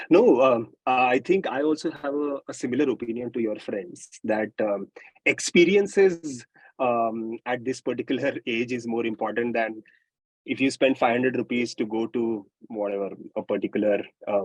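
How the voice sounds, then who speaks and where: A man's voice: mid-range voice, a little mellow, slightly rough, dry recording, low-quality recording. A man with an Indian English accent, a startup founder talking through investing advice on a podcast, earnest and peppered with "right?" and "um". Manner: earnest, advisory, frequent "right?" and "um" fillers. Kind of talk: casual podcast conversation.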